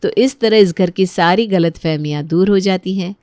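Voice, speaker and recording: A woman narrating a family story in a plain, even manner. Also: fairly low pitch, normal speed, no echo.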